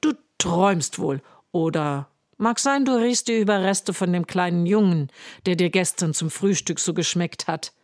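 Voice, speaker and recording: Brief: woman reader as giant's wife, storybook, brisk, loud, a touch high. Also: dry recording, clean studio sound, close to an everyday voice. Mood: soothing. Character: giant's wife, big, gruff but kind-hearted woman. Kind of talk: storybook reading.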